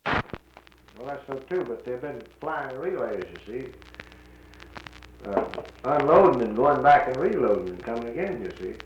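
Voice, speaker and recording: A man's voice: medium pitch, animated, a little slow, pauses often. A man from North Carolina, heard on an old 1941 archival recording, talking plainly and firmly about the war in casual conversation. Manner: plainspoken and firm, cites the radio news. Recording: muffled, roomy old recording with faint hiss.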